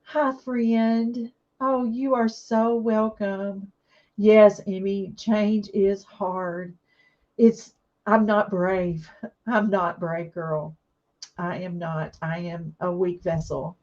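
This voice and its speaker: A woman with a medium-pitched voice talks very slowly and in a steady tone while hosting a craft live stream, teary and emotional as she warmly reads out and answers viewers' comments. The audio sounds dull.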